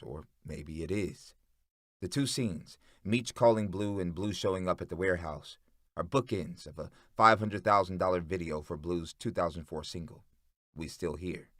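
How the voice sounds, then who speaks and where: A man reads an audiobook in a steady, dramatic storytelling voice. His pitch is very low and the recording is dry and close. He builds scenes at an even pace. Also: no echo. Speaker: narrator. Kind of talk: audiobook narration.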